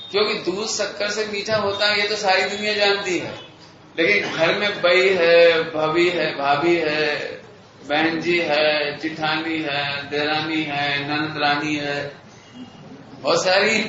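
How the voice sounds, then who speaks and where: A man giving a philosophy lecture to a live audience, explaining slowly and deliberately, questioning his listeners in a playful, teasing way. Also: high-pitched, sharp tone, a little hiss or hum. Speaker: religious lecturer. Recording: echoey hall, slightly dull audio.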